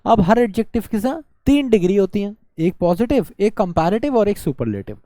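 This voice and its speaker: Male tutor, exam-prep lesson, self-quizzing delivery, soft dark tone, dead-dry booth. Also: high voice, very animated, brisk, no echo. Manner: explains by asking and answering his own questions; drawls words out to show syllables. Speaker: teacher.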